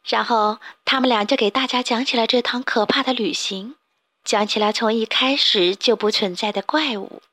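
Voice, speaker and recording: A woman narrating a children's storybook in a gentle, expressive way. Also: fairly high pitch, normal speed, no echo.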